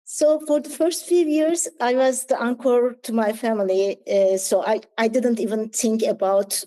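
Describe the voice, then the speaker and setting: A woman from Turkey speaks with a Turkish accent in an interview. Her voice is mellow and dark-toned. She tells her story with reflective candor and small slips in her English. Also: a little high, steady tone, moderate pace, poor audio. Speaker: guest. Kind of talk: interview conversation.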